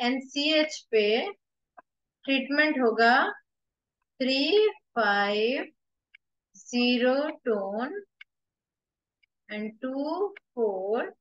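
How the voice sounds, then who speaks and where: High-voiced Indian woman teaching slowly. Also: a bit bright. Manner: explains step by step, mixing Hindi and English, slow and deliberate. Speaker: acupressure teacher. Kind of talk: whiteboard lesson. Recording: echoey room, slightly dull.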